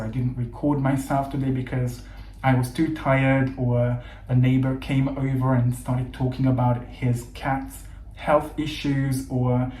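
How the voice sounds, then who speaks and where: A man in his thirties, a native Hungarian speaker working as an English coach, delivers a motivational teaching monologue to English learners. He's earnest and encouraging, with emphatic lists, in a mid-range, slightly mellow voice. The room is echoey with faint ambience, plus a little hiss or hum.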